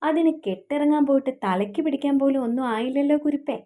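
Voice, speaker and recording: A woman's voice: high-pitched, fast talker, mellow, voice pushed up, close to an everyday voice. Woman voicing an earnest, devoted young man.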